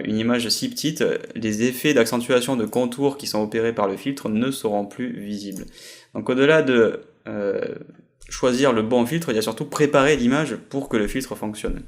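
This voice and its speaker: A man records a voice-over for a software lesson, walking through each step at a desktop microphone. He pitches his voice in the middle of the usual range for a man and often pauses and hesitates while he explains. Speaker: software trainer. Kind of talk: screen-recorded tutorial.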